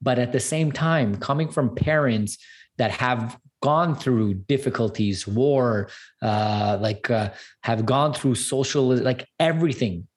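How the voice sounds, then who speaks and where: A man's voice: medium pitch, slow. A man from Canada telling his life story as a guest in a casual interview, earnest and upbeat, repeating words for emphasis. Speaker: guest entrepreneur and speaker.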